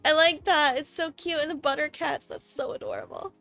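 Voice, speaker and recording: Woman, high voice, cute anime-streamer manner, bubbly, excitable, casual livestream host, soft music behind. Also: a little fast, vocal fry. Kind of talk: casual livestream chat while drawing. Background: background music.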